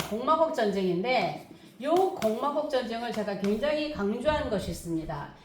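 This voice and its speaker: A middle-aged woman pastor preaching a lecture-style sermon, her high voice leaping up and down as she presses each point. She repeats key phrases for emphasis. The sound is roomy and echoey. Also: a little mellow, slight background noise.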